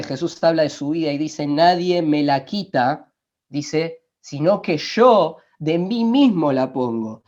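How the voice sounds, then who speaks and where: A man preaching a sermon, emphatic, slowing down to quote scripture and asking his listeners rhetorical questions. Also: a little high, dark tone. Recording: dull lo-fi recording.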